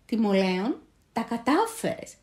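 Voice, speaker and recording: A woman's voice: fairly high pitch, very animated, a little mellow. A woman speaking as a group of proud, kindly teachers in a storybook tale, with an urgent tone. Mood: proud urging.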